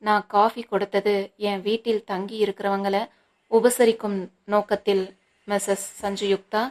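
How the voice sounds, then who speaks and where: A woman's voice: mid-range voice, flat delivery, normal speed, darkish tone, natural voice. Young man, formal, composed, polite, storybook reading, level tone, voiced by a woman.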